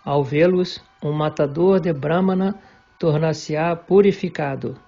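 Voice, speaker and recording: A man reads a devotional text aloud in a slow, measured way. His somewhat raised voice has a husky edge. The recording sounds dull and lo-fi, with faint music underneath. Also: fairly high pitch, mellow. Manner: measured, deliberate reading. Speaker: reader of a devotional book. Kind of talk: slow scripted reading of a religious text.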